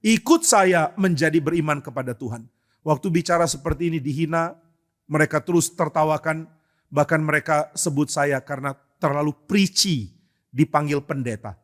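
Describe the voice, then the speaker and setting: A man's voice: on the high side, moderate pace. A male pastor preaching a sermon in church, asking rhetorical questions and acting out quotes with emphasis.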